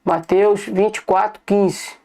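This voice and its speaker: Brazilian online preacher, gravelly, repetitive and direct with the flock. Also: mid-range voice, fairly even intonation, takes it slowly, warm tone. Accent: Brazilian Portuguese. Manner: repetitive, keeps calling listeners "brothers", points things out. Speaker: online bible teacher. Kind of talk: informal bible study sermon.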